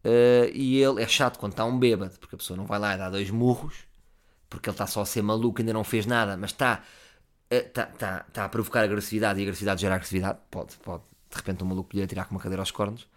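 A man with a European Portuguese accent telling a comic story, animated, swinging between loud and low. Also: rapid-fire.

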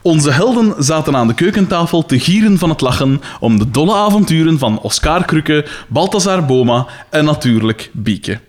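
A man's voice: a little high, expressive, moderate pace, few pauses. A young Flemish man hosting a podcast, reading a comic story aloud in a playful, amused way. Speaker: podcast host.

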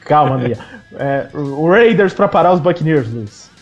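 A Brazilian man with a voice a little on the high side. He hosts a casual football live stream, with faint music playing behind him. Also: animated, normal speed, dull audio. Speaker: host of a sports live stream.

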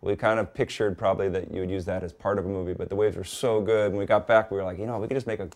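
A man from Hawaii, a guest in a casual interview, talking in a relaxed, rambling way with lots of "like" and "you know.". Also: sits low, fast, gravelly.

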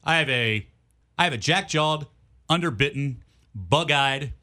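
A man's voice: medium pitch, expressive, unhurried, sharp tone. A man co-hosting a podcast, telling stories in a dry, grumpy casual chat. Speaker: podcast co-host.

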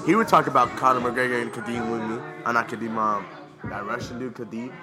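A man's voice: medium pitch, fairly even intonation, fast. A man co-hosting a podcast in casual, jokey, boastful banter, peppering his slangy talk with "bro". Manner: slangy, says bro constantly. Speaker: podcast co-host. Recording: music behind the voice. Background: music.

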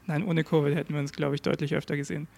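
A man's voice: fairly high pitch, flat delivery, brisk, gravelly, a little mellow. A man co-hosting a podcast in casual chat, with a dry, teasing manner. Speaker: podcast co-host.

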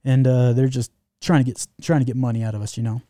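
Man with a very dark, mellow voice. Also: medium pitch, little pitch movement, fast talker, no room sound, studio quality. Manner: rambling, many fillers and restarts. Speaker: guest telling a travel story. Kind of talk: casual storytelling.

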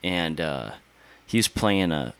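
Deep-voiced, laid-back guest, dry studio. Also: male voice, animated, slow pace, a bit bright, clean tone, dry recording. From Iowa. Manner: laid-back, laughing, slangy storyteller. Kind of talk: casual chat.

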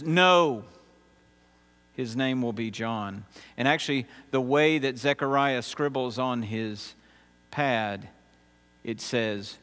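A man preaching a sermon as pastor, measured, with emphatic pauses between phrases. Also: medium pitch, a bit bright, smooth. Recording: long reverb with mains hum.

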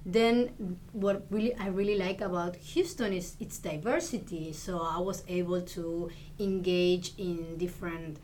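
A woman from Argentina, a native Spanish speaker, answers interview questions as a guest lecturer. Her voice sits a little low and she talks thoughtfully, restarting sentences now and then. A faint hum of ambience sits behind her. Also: fairly even intonation, measured pace, hardly any pauses, a little mellow. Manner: thoughtful, frequent restarts and laughs.

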